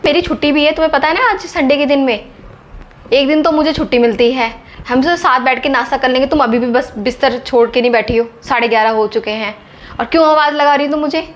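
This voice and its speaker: A woman's voice: high voice, brisk, lightly acted. A woman playing a nagging mother-in-law. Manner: nagging, fussy questioning. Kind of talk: Hindi family drama skit.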